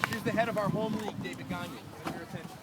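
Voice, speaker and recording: A man's voice: sits high, steady tone, rapid-fire. A man coaching youth football, giving an emphatic, rallying post-game speech to his team outdoors. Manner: emphatic, rallying, addressing a group. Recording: very noisy outdoor recording.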